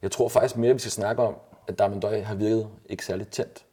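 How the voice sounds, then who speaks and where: A man co-hosting a casual football podcast, arguing his views with many pauses and restarts. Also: fairly low pitch, steady tone, dark tone, slightly rough. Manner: hesitant, many fillers and restarts while arguing a point. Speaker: podcast co-host.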